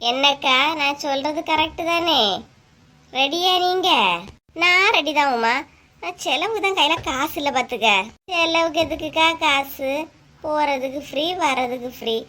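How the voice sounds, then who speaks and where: A woman's voice: high voice, pushed and bright. A woman with a Kanyakumari Tamil accent voicing chatty, gossiping village women neighbors in a cartoon. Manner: chatty, teasing, rapid back-and-forth. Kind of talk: cartoon voice acting.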